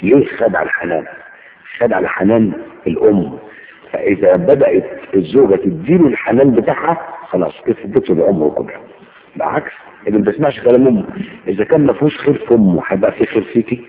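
A man's voice: on the low side, fast. A man with an Egyptian Arabic accent giving a religious lecture, telling stories and acting out the people in them. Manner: lively storytelling, acting out quoted dialogue. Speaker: preacher. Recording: tinny phone-like line with faint noise.

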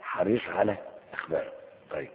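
A man's voice: deep voice, fast talker, creaky, in a large hall, phone-quality sound. A man with an Egyptian Arabic accent teaching Arabic grammar in a colloquial lecture, asking questions and answering them himself. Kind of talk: colloquial lecture with Quranic quotes.

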